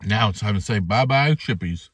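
A man in his thirties eats and chats casually on camera in his car for a mukbang vlog. His fairly low, fairly bright voice is lively in intonation at a moderate pace, captured at arm's length by a phone or camera with a little hiss or hum.

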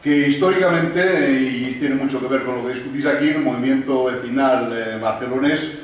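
A Catalan man in his fifties speaks as a guest at a panel table, measured but with many pauses and restarts, his voice medium-pitched over slight background noise. The room has large windows, and a desk mic on a stand picks him up while he is filmed from across the room, so the sound is distant and echoey.

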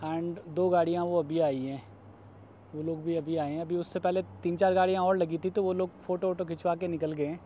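A man's voice: a little high, level tone, brisk, highs cut off, slight background noise. A man in his thirties from India, chatting casually to viewers as he vlogs outdoors on city streets at night, phone held at arm's length. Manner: chatty, addresses viewers as guys and brother. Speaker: vlogger. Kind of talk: casual vlog narration.

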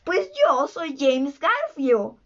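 A woman voicing a cheeky boy who mocks and mimics a pirate captain, slow and emphatic. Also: sits high, sing-song, fairly bright tone, dull audio, heavily acted. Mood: mocking.

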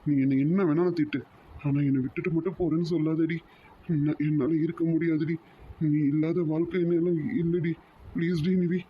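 A man's voice: a little high, level tone, brisk, dull audio, a little hiss or hum, natural voice. A man voicing a remorseful young man in a cartoon drama, pleading and apologetic.

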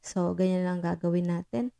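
A woman's voice: fairly low pitch, steady tone, moderate pace, gravelly, dark tone. A woman vlogger chatting casually while demoing a portable sound card into her microphone, mixing English in with many fillers. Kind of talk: casual tech demo chat.

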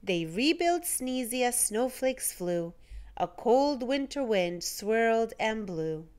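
Slow, very lively woman reading a storybook. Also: fairly high pitch. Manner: animated, deliberate storytelling with dramatic emphasis. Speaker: storytime reader. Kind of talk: expressive children's picture-book read-aloud.

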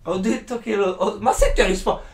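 A young man in a casual chat with his partner, agitated and rambling, his pitch jumping up when flustered. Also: brisk. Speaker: boyfriend pranked by partner. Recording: echoey room, faint noise.

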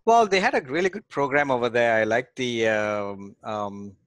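A Malaysian real estate investor in his forties chats casually as an interview guest over a video call from his home office. Through a headset, his mid-range, slightly bright voice sounds dry at a moderate pace, full of fillers and restarts.

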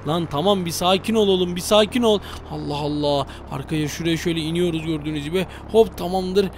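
A young man hosting a game role-play video, excitable and teasing, constantly talking to his viewers. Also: a little high, fast, a little hiss or hum. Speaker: gaming channel host. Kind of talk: role-play gameplay commentary.

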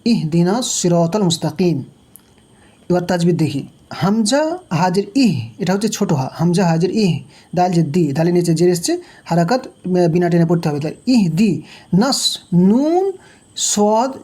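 A woman teaching Quran recitation, patiently spelling out syllables, repeating each one, and chanting verses slowly. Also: on the low side, mellow. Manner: slow melodic chanted recitation.

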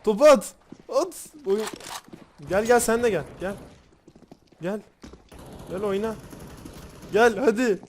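A young man from Turkey giving lively gameplay commentary as a YouTuber, excitable, swearing and laughing often. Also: high voice, slow, long pauses, a little hiss or hum. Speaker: gaming YouTuber.

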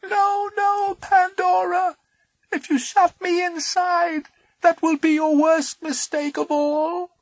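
A man's voice: very high voice, little pitch movement, slow pace, dry recording, voice pushed up, full character voice, poor audio. A man voicing a small, faint spirit of hope, thin and pleading.

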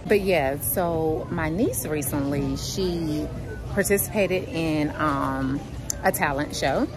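A woman's voice: low-pitched, slow pace, over music. A young woman chatting casually to her viewers in a vlog from a store, using informal slang. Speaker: vlogger. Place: store and mall, indoors.

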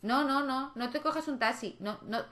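A woman's voice: high-pitched, normal speed, fairly bright tone, a little hiss or hum. Chatty woman narrating her life-sim game. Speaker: gaming channel host. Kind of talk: casual gameplay commentary.

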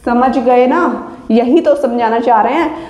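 A woman teaching an exam-prep Hindi grammar lesson, patiently explaining and reading example sentences slowly. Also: a little high, a little mellow, roomy sound.

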